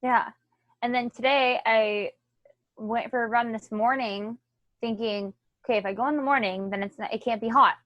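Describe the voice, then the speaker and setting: A woman's voice: a little high, fairly even intonation, normal speed, no room sound. Tired, easygoing woman on a dry, muffled mic. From Florida. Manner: chatty, easygoing, playful teasing. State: tired after a morning run. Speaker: podcast co-host. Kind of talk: casual chat. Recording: dry, muffled lo-fi home recording.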